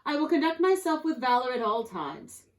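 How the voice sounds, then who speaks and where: A prim, well-spoken male rascal acted out by a woman for a children's storybook. The voice is high and very proper, with polite, formal diction. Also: sing-song, normal speed. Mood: polite, earnest.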